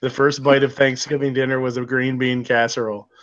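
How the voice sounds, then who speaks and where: A man's voice: mid-range voice, flat delivery, a little fast, dull audio. A man co-hosting a casual livestream chat, laughing easily and rambling as he reads out comments. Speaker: livestream co-host reading chat.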